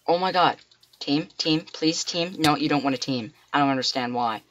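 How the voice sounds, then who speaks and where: A teenage boy with a cracking voice, rambling excitedly to himself as he plays a computer game. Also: mid-range voice, normal speed, muffled recording, a little hiss or hum. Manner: excitable, rambling, talks to himself while playing. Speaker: gamer. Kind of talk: casual game commentary. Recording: loud keyboard clicks and typing.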